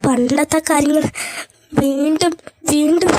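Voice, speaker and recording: A woman's voice: high voice, fairly even intonation, measured pace, mellow. A woman voicing a stern, proud mother in an amateur fan drama, scolding in a commanding way. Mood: scornful. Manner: scolding, commanding, then frantic pleading. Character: stern, proud mother who later panics over her son.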